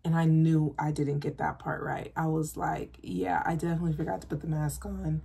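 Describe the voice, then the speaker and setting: A woman's voice: deep voice, moderate pace, creaky, slightly rough. A woman, chatting casually to camera about her day and reassuring herself, talking with her hands, in a bedroom. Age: 20s. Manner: chatty, self-reassuring, expressive with hand gestures. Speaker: nursing student vlogger. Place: bedroom, indoors.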